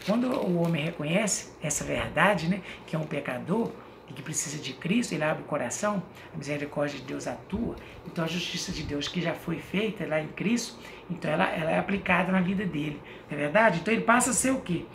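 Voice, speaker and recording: A man's voice: a little high, lively intonation, fast, creaky, fairly bright tone. A man teaching a Bible sermon, reading scripture aloud and asking questions that he answers himself. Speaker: preacher. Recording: echoey room with faint noise.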